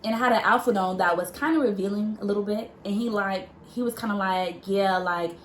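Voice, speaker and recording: A woman's voice: mid-range voice, fairly quick. A young woman candidly telling her side of how she met her partner, with a teasing edge. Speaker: vlog co-host. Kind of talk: casual storytelling chat. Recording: roomy with faint hiss.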